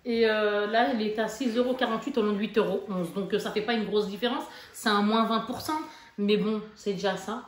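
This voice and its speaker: A woman in her thirties, a mother, chatting casually and warmly to her viewers with lots of fillers while showing off her shopping. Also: medium pitch, fairly quick. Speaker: vlogger, mother. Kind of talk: casual haul vlog chat. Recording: echoey room with background noise.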